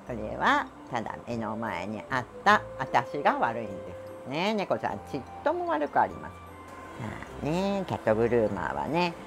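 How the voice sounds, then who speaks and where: A woman's voice: rumbling low, huge pitch swings, moderate pace, over music. A middle-aged woman with a Kansai Japanese accent, a cat groomer talking through a grooming demo in a chatty way, tagging phrases with little asides and giggles. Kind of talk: grooming demonstration talk.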